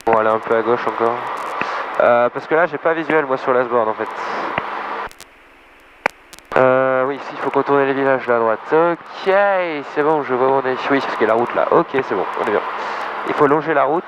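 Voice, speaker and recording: A man's voice: medium pitch, fairly quick, highs cut off. A man piloting a small plane, giving casual commentary and radio calls through his headset. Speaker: pilot narrating his flight. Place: small aircraft cockpit in flight. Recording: loud engine noise in cockpit.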